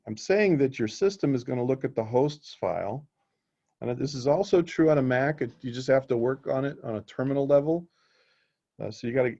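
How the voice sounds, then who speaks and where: Casual male tech instructor, mellow voice. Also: mid-range voice. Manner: casual, checks in with students often. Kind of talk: live technical class lecture. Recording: dull lo-fi recording.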